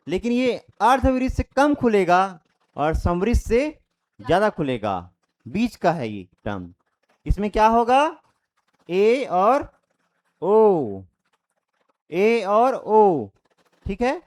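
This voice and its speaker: A man's voice: high voice, a little mellow. A young man teaching an online Hindi grammar lesson, explaining step by step and demonstrating vowel sounds aloud. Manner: explains step by step with repeated checks.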